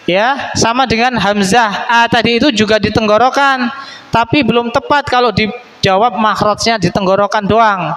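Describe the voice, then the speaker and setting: High-voiced man quizzing children, slow-paced. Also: fairly bright tone, rough recording. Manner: coaxing, quizzing with quick questions; playful, chuckles often. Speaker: Quran recitation teacher. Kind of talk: classroom teaching to children. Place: children's Quran study class.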